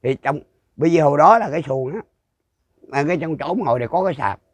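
An older man with a Southern Vietnamese accent spins a rural ghost story, circling back and repeating himself as he goes. His voice sits a little high, and it is recorded dry and close with no room echo. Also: lively intonation, fast. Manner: rambling, repetitive, with frequent restarts. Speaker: storyteller interviewee. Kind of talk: casual folk storytelling.

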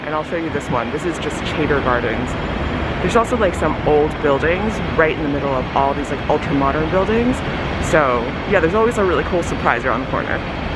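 A woman's voice: low voice, lively intonation, brisk. A young woman chatting through a face mask as she walks city streets and vlogs, full of "like" fillers and upbeat. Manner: chatty, filler-heavy, upbeat tour-guide talk. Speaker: vlogger. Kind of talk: casual walking vlog chat. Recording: loud outdoor street and traffic noise. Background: city traffic.

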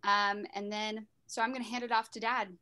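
Bright-voiced woman moderating a video call. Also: mid-range voice, little pitch movement, moderate pace. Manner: friendly, loose, full of ums. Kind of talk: casual online meeting intro.

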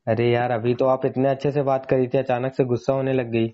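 A man's voice: medium pitch, level tone, fairly quick, dull audio. A man hosting a gaming channel, chatting casually and pleading persistently over in-game voice chat.

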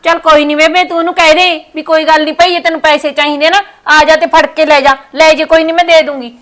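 A woman playing a sharp-tongued daughter-in-law who argues and scolds her mother-in-law in a family short film. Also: high voice, level tone, quick pace. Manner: scolding, argumentative.

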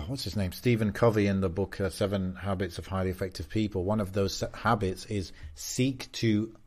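A man co-hosting a podcast in casual chat, relaxed and affirming, speeding up when he makes a point. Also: sits low, normal speed. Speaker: podcast co-host.

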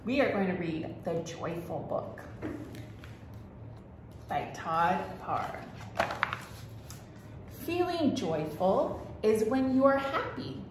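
A librarian hosts a children's storytime, reading aloud expressively and speaking simply to young kids. Her mid-range voice is very animated, yet she goes slowly with long pauses. There's a roomy echo and faint noise in the background.

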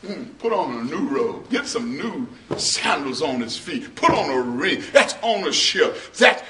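A middle-aged male pastor preaching a sermon in a small church. He preaches slowly and builds to shouting, half-sung peaks. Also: fairly high pitch, big pitch swings, background noise. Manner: slow, preachy, rises to shouting and half-singing. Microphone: far camera, no mic seen. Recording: roomy church echo from far off.

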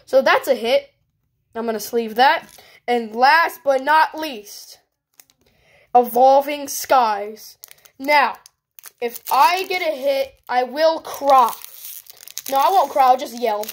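A woman vlogging casually as she opens trading cards, chatty and excitable, swinging quickly between groans and cheers. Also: sits high. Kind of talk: casual unboxing chat.

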